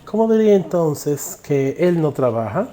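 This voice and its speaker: A man teaching an English grammar class in a recorded online lesson. He asks the viewer questions and then says each English example sentence slowly and carefully. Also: on the high side, sing-song, dark tone.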